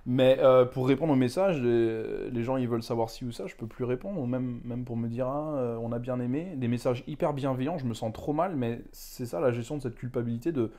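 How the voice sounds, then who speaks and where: A man's voice: mid-range voice, brisk, few pauses, warm tone. A young man from Ghana, a manga author, talking candidly and reflectively in an interview, rambling with frequent filler asides. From Ghana, West Africa.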